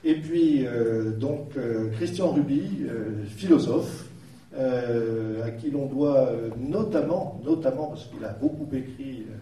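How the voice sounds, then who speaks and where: A man introducing round-table speakers as event presenter, halting and searching for his words. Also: mid-range voice, warm tone. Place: indoor conference hall. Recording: very echoey hall, distant mic, faint noise.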